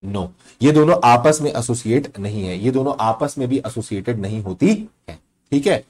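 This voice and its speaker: A man's voice: medium pitch, lively intonation, moderate pace, a little mellow. A young man giving a live online law lecture, mixing in English terms and quizzing his students in a chatty, teasing way. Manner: quizzing students, conversational Hindi mixed with English.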